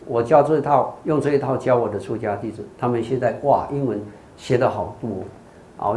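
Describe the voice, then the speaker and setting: Lively older monk with a Taiwanese accent. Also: male voice, medium pitch. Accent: Taiwanese Mandarin. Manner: spells words out letter by letter, slipping into Taiwanese Hokkien. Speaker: Buddhist monk teaching English. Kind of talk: televised lecture.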